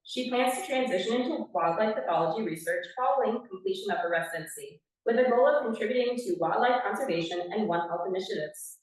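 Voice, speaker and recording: A woman's voice: medium pitch, quick pace, hardly any pauses, a little mellow. A woman with a Wisconsin accent presenting at an award ceremony, reading out each winner's biography with brief asides. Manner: announcing, reading scripted bios with brief asides. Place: large conference hall. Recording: echoey hall from far off.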